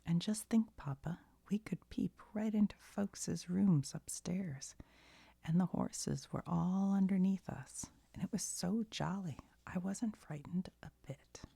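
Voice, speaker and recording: A woman reading an excitable, innocent little boy in a bedtime story, in a hushed, breathy ASMR voice. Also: fairly low pitch, a little slow, no echo, exaggerated voice. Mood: delighted.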